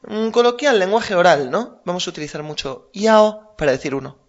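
A man teaching a language lesson, patiently drilling pronunciation slowly. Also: high-pitched, expressive, lo-fi sound. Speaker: Chinese teacher.

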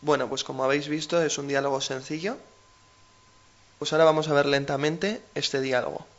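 A man's voice: on the high side, fairly even intonation, brisk, highs cut off. A man with a Spain Spanish accent co-hosting a language lesson, explaining patiently with everyday examples. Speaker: language teacher co-host.

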